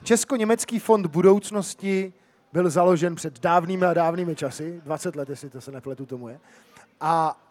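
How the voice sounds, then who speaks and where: High-voiced joking male moderator. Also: a little mellow. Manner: chatty, joking, switches between Czech and German. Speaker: panel moderator. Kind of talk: live festival panel moderation. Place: outdoor street festival stage. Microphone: shared handheld microphone.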